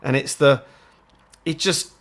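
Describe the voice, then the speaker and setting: This British co-host speaks slowly in a medium-pitched, fairly bright voice. On the casual live chat he rambles, circling back over the same words as he tries to land his point.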